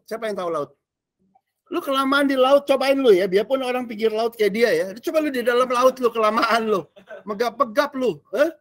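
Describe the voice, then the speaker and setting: A male pastor teaches a discipleship class in a casual, animated sermon, often quizzing his listeners. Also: very high voice. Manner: casual slangy preaching, quizzing the audience, animated swings between loud and soft.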